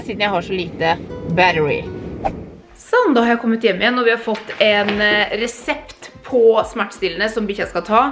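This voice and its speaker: A young woman from Norway chatting casually in a vlog, animated and tossing in English words, with hiccups. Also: medium pitch. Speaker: vlogger.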